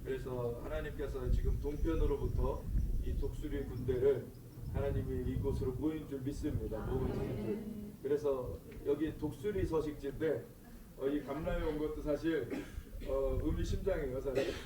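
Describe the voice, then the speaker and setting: A man's voice: medium pitch, fairly even intonation, moderate pace. A man leading prayer and preaching outdoors at a lookout, speaking with fervent, rising proclamation. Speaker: prayer trip leader. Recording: echoey, distant, noisy outdoor video.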